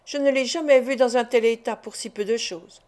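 A sly old male crook from a storybook, worried and wheedling, choosing his words with care, as a woman narrator reads him. The reading sits in a fairly high register. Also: a little fast, darkish tone, natural voice.

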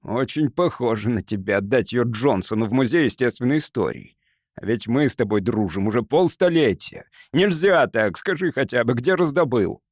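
A man voicing an excitable, grasping museum curator who shouts indignantly in an audiobook. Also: mid-range voice, normal speed, no echo, clean studio sound, close to an everyday voice.

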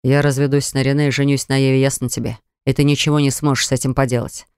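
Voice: mid-range voice, flat delivery, fast talker, a little mellow, clean tone, no room sound, clean studio sound, voice pushed down, natural voice. A woman reader voicing a young husband who speaks curtly and sternly, in an audiobook story. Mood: cold, stern. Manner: curt, stern. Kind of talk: audiobook character voice.

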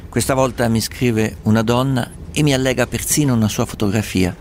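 A man's voice: medium pitch, steady tone, a little fast, darkish tone. A male host in radio talk, musing rhetorically with ornate wording and emphatic repetition. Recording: faint background noise.

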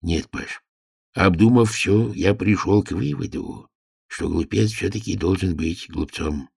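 A man voicing a pompous, slow-witted king who muses quietly in a storybook reading. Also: sits low, gravelly, slightly rough, no room sound, studio quality, heavily acted. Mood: pompous, musing.

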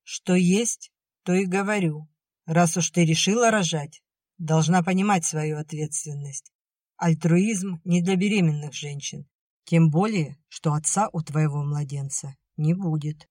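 A woman reading the part of a stern, sharp-tongued older sister who scolds and snaps. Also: low-pitched, a little slow, no room sound, studio quality. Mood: scolding. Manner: curt, scolding, irritable.

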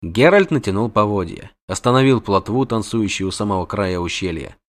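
A man reading a fantasy novel aloud as narrator, in a steady, measured storytelling manner. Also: lowish voice. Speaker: audiobook narrator. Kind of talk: scripted narration.

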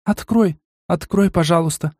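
A man's voice: sits high, moderate pace, a little mellow, dry recording, clean studio sound, voice pushed up. A man voicing Mila, a proud but tearful young woman, pleading and emotional in an audiobook. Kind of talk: audiobook character voice.

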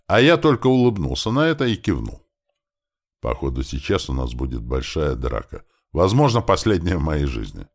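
Male audiobook narrator, very deep gravelly voice, slangy first-person telling, lively intonation. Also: normal speed.

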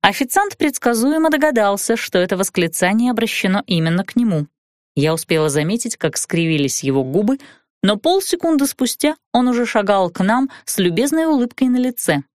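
A woman narrating an audiobook in the first person with an expressive, wry delivery. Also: mid-range voice, fairly quick, no room sound, studio quality.

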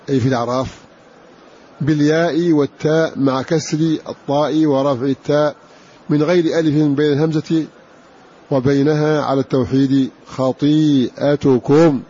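A man lectures on the variant readings of the Quran, slowly repeating and stretching the words he explains. His voice is dark and husky. The recording sounds dull and lo-fi. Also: on the high side. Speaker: Quran recitation teacher.

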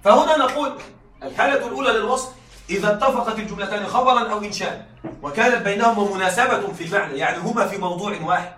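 High bright-voiced male teacher, echoey room. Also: recorded from a distance, a little hiss or hum. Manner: keeps checking students follow, repeats key points; reads examples slowly and deliberately. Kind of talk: classroom lecture.

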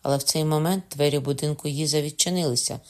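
Low-voiced woman reading an audiobook. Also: steady tone, fast talker, darkish tone. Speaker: audiobook reader. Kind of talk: audiobook narration.

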